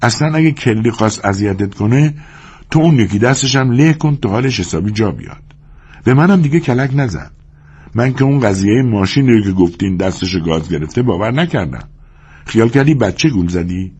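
A man's voice: animated, a little mellow, breathy edge, muffled recording. A man reading a story aloud, putting on the voice of a lonely, restless young woman in a raised, pleading tone. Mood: teasing. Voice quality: higher, pleading voice.

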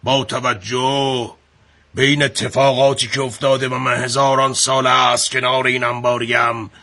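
A man's voice: medium pitch, little pitch movement, pushed and bright, close to an everyday voice. A man playing a grumpy old lamp genie. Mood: grumbling.

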